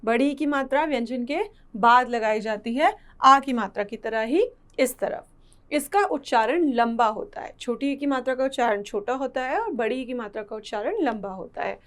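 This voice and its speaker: A woman teaching a children's lesson, slow and patient, repeating syllables aloud. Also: a little high, fairly bright tone.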